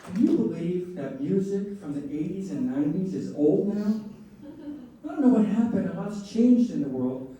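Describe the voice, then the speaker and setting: A middle-aged man performing stand-up comedy in setups and punchlines with pauses, to a laughing audience. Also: high voice, expressive. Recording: roomy echoing live venue, distant mic, faint noise.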